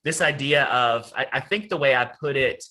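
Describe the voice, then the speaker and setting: A man with a Southern Appalachian accent speaks in a bright, forward voice. He talks informally to an online group as a presenter, wandering through his thoughts in folksy yet academic phrasing. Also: medium pitch, normal speed, low-quality recording. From Southern Appalachia, United States. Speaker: academic presenter, college dean. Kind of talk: informal online talk to participants. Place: at home, on a video call.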